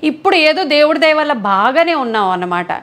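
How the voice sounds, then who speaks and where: A woman's voice: sits high, a little fast. A middle-aged woman with a Vizag Telugu accent, speaking candidly and emphatically as an interview guest. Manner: emphatic, animated, quotes others in lively voices. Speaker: interview guest, mother of a contestant.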